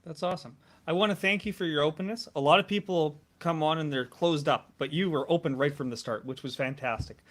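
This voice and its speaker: A man's voice: a little high, fairly quick, fairly bright tone. A man hosting a live interview show over a video call, upbeat and friendly, with frequent restarts. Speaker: host. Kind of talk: casual interview chat.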